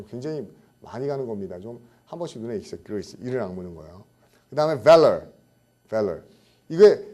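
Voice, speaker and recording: A man's voice: medium pitch, darkish tone. A middle-aged man giving a vocabulary lecture, repeating words and often checking in with his students. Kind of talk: classroom lecture.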